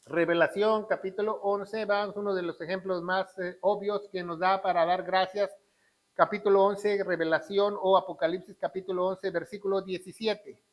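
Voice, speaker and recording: A middle-aged man preaching a sermon as pastor, swinging between loud exclamations and quiet asides. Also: sits high, fairly even intonation, normal speed, rough recording.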